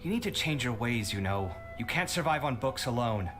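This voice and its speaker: An actor playing an outspoken, idealistic young male scholar in a video game, expressive and reproachful. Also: medium pitch, moderate pace, natural voice. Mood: scolding. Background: game music.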